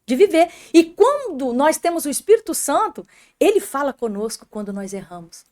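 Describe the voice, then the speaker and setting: Mulher brasileira de voz aguda contando testemunho. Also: female voice, high-pitched, sing-song, normal speed, darkish tone. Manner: emotional storytelling, often addressing the host by name. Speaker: podcast guest. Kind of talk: faith testimony in an interview.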